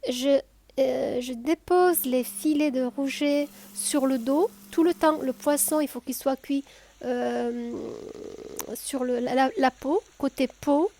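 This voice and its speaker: A woman with a southern French accent, calmly explaining a cooking tutorial step by step, with frequent hesitations. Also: high-pitched, slow pace, slight background noise. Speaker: home cook.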